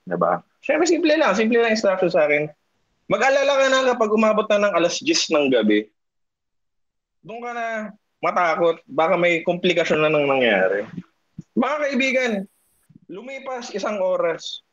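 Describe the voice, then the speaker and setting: A man from the Philippines, a host, telling a personal story in casual chat, animated and swearing as he acts out what people said. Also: high voice, normal speed, no room sound, muffled recording.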